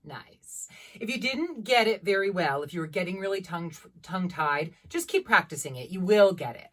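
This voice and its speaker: A woman voice teacher leading a singing warm-up, demonstrating each exercise by singing and then explaining it plainly. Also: mid-range voice, far from the mic. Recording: loud piano under the voice. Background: piano accompaniment.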